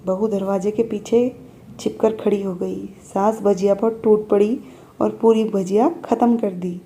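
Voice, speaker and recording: Female storyteller with a dark, mellow voice, for steady narration of a story. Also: medium pitch, a little slow, slight background noise.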